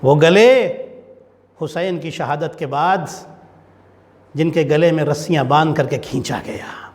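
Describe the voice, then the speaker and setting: A man leading a mourning gathering, preaching with passion and rising into a wailing chant. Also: a little high. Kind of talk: Urdu majlis sermon with mourning recitation. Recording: long hall reverb.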